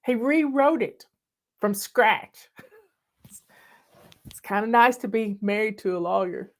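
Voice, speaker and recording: An older Southern woman with a thick accent and a fairly high voice chats with her online followers from her home in the mountains, speaking at a measured pace. Folksy and talkative, she tells stories, says "y'all," and cheerfully admits she's bossy.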